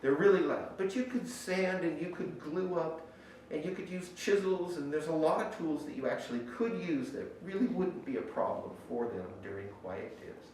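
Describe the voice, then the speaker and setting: A man's voice: on the high side, lively intonation, moderate pace, darkish tone. A man giving an informal, emphatic shop orientation as an instructor, speaking plainly through a face mask that slightly muffles him. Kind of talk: informal spoken orientation, explaining rules and equipment. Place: indoor woodworking shop. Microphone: distant microphone. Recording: very echoey workshop, distant mic, faint noise.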